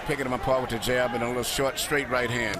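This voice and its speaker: A man's voice: medium pitch, fairly even intonation, quick pace, heavy background noise. A man giving live technical commentary on a fight as a boxing analyst. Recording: very loud arena crowd behind.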